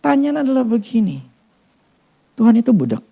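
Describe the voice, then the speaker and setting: A man preaching a sermon as pastor, conversational and lively, swinging between loud bursts and hushed asides. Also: very high voice, brisk, vocal fry.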